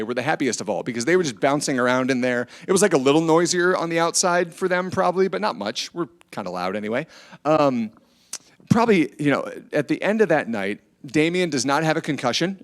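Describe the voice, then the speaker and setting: A middle-aged American man from Iowa gives an informal motivational talk to a group gathered at a church family event. His medium-pitched voice is brisk as he tells animated stories conversationally and often checks in with listeners, seeking agreement through tag questions.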